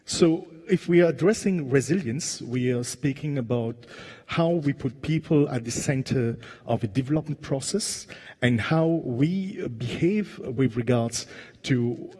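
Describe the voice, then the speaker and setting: A man from Mauritius moderating a conference panel, halting with many fillers and asking the audience questions. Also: medium pitch, mellow, breathy edge. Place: large conference hall. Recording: long reverb of a conference hall.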